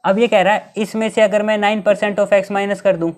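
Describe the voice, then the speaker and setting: A man's voice: high voice, little pitch movement, soft background music. A male teacher giving an exam-prep math lesson, explaining each step and asking his students rhetorical questions. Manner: reads English questions slowly, mixing Hindi and English.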